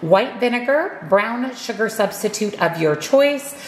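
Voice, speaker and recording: A woman's voice: a little high, lively intonation, measured pace. A woman hosting a cooking channel, talking viewers through a meal prep step by step in a friendly voice-over.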